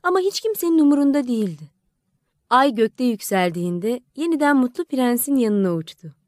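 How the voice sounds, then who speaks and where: High-voiced woman reading a fairy tale. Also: no room sound, studio quality. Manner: measured, expressive storytelling. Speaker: audiobook narrator. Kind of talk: scripted narration.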